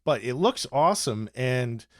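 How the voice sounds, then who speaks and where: A podcast co-host chats casually and conversationally, very animated yet measured in pace. His medium-pitched voice comes through a dry, clean studio recording.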